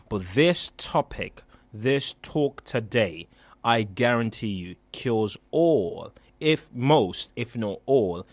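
A man's voice: lowish voice, no room sound. A young man who grew up in Nigeria, hosting a motivational radio talk show in an earnest manner with frequent fillers. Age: young adult. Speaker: radio host.

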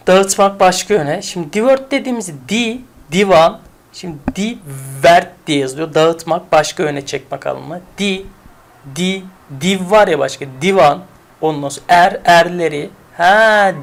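A woman's voice: lowish voice, creaky. A woman teaching English vocabulary in a casual, chatty way, repeating words and building memory tricks. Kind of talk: casual spoken lesson.

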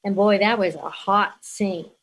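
A woman's voice: mid-range voice, steady tone, a little slow, a little hiss or hum, low-quality recording. An older woman, a guest in an interview, telling stories about her past with frequent laughter. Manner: warm storyteller, laughs often. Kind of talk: reminiscing conversation.

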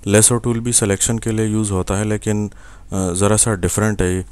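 A young Pakistani man with an Urdu accent and a very low, smooth, resonant voice walks the viewer through a software tutorial at his desk. He speaks patiently, step by step, pausing on fillers and checking in with the viewer as he works. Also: little pitch movement. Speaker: software instructor. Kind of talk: screen-recorded tutorial.

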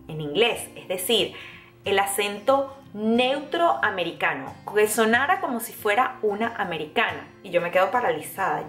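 A young woman from Venezuela with a Venezuelan accent, telling a casual story to camera in a chatty, animated way with many fillers and restarts. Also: medium pitch. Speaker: vlogger. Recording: echoey room, faint music behind.

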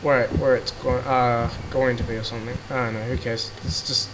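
A man's voice: mid-range voice, level tone, brisk, noisy background. A young man chatting nervously while playing a horror game with a friend, swearing and reacting jumpily. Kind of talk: casual let's-play chat. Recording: game music loud behind voice.

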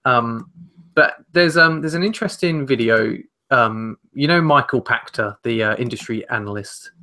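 A young man co-hosting a podcast talks casually in a bright, forceful, medium-pitched voice at a normal speed, carefully qualifying his points. He's in a room at home with shelves.

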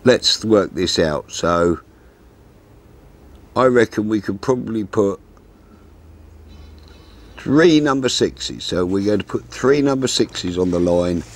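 A man in his sixties calmly explaining a fishing setup step by step, seated outdoors at a garden table and talking into a lapel mic. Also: on the low side, slow, long pauses. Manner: calm, methodical, practical explanations. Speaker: fishing instructor. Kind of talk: step-by-step tutorial.

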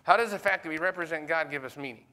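Bright-voiced pastor quizzing his class. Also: a little high, quick pace. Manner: questions the class often; conversational, with fillers. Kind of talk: Sunday school teaching.

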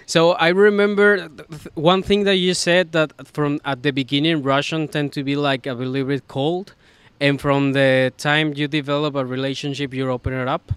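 Host telling stories. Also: male voice, fairly high pitch, fairly even intonation, moderate pace, fairly bright tone, clean tone, dry recording. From Mexico. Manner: conversational, storytelling. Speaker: podcast host. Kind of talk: casual interview chat.

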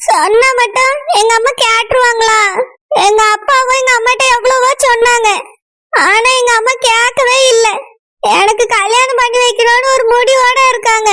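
A woman's voice: extremely high pitch, fairly even intonation, normal speed, sharp tone. A woman voicing a tearful young college girl in a cartoon, pleading, with a Tirunelveli Tamil accent. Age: young adult. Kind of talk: cartoon voice acting.

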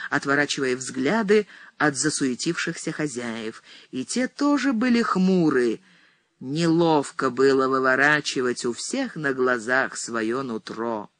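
A woman narrating a historical novel for an audiobook in an even, deliberate reading voice. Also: low voice, dry recording. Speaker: audiobook reader.

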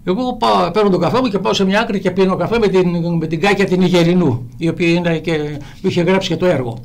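An older man, an actor, telling rambling stories on the radio with many restarts. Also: sits high. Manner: rambling, frequent restarts and repeated "he tells me". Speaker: actor guest. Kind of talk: anecdotal storytelling on radio. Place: radio studio.

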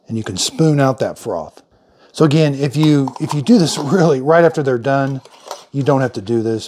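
A man's voice: medium pitch, noisy background. A middle-aged man giving a casual hands-on product demo in his home kitchen, thinking aloud in a plain-spoken way as he works. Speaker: product reviewer.

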